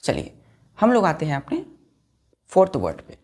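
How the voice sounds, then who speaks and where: A woman teacher with a lowish, gravelly voice runs a vocabulary lesson for her students. She spells each word out letter by letter, asks a question and answers it herself. Her delivery is slow and repetitive. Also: huge pitch swings, warm tone.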